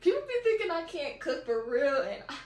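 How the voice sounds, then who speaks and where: This high-pitched, sing-song voice belongs to a young Californian woman rambling through a casual at-home Q&A vlog. She talks a little fast, with a darkish tone, and the room echoes over faint background noise.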